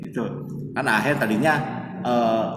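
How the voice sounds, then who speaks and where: A man of medium pitch and moderate pace, with a slightly bright tone, chats through a story as a casual interview guest. He uses his own name for himself and plenty of fillers. The sound is echoey and distant, with faint noise.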